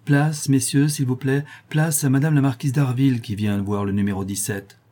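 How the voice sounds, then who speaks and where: A man's voice: mid-range voice, fairly quick, dark tone, close to an everyday voice. A man voicing a respectful hospice director who speaks in a polite, formal manner.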